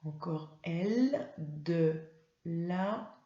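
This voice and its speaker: Woman teacher, patient, slow, clear, echoey room. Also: on the low side, animated, dark tone, highs cut off. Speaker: primary school teacher. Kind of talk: classroom lesson for young children.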